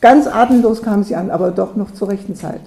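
Mellow-voiced woman reading a story. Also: medium pitch, brisk, gravelly. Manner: lively storytelling. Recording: echoey room.

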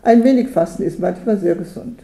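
Soft, indulgent village mother with a warm tone, voiced by the narrator; storybook telling, echoey room. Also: medium pitch, fairly quick, vocal fry, natural voice. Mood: gentle. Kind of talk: storybook reading. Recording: roomy echo.

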